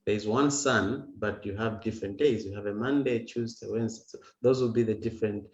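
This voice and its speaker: A man's voice: fairly low pitch, fairly even intonation, fairly quick. A man talking casually as a guest musician, stumbling and repeating words as he explains. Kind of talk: singing and casual talk over video call. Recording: echoey, dull lo-fi sound with guitar. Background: guitar music.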